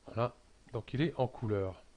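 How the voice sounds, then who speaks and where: A man talking through a casual software tutorial, hesitant and full of fillers and restarts. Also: mid-range voice, normal speed.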